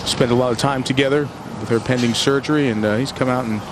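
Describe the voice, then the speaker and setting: A man's voice: medium pitch, steady tone, quick pace. A man anchoring live golf coverage as a play-by-play commentator. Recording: loud outdoor background noise. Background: loud outdoor noise.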